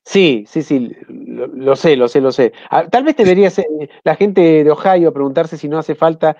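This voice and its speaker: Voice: mid-range voice, normal speed, no echo, muffled recording. An Argentine host of an online show, joking and teasing a co-host over a video call. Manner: jokey, teasing, animated. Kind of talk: playful casual chat over a video call.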